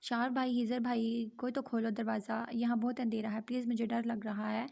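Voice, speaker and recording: A woman's voice: a little high, little pitch movement, creaky, darkish tone. A woman voicing a terrified young wife who begs desperately to be let out. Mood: pleading. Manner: begging, desperate.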